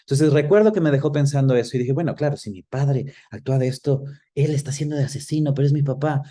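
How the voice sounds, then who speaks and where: This interview guest, a film professional with an Ecuadorian accent, talks fast in a medium-pitched voice with a dark tone. He looks back on personal recollections, explaining things reflectively and conversationally.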